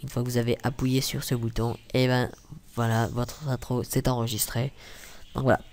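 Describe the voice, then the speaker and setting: A young man talking through a casual software tutorial, rambling with many fillers and self-corrections, muttering asides and apologizing for swearing. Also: medium pitch, level tone, moderate pace, slight background noise. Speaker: tutorial maker. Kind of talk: casual screen-recording tutorial.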